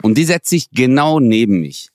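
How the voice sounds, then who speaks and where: Man, 40s, from Germany, podcast co-host, casual slangy storytelling, acts out dialogue, medium pitch. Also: big pitch swings, moderate pace, darkish tone, dry recording, studio quality.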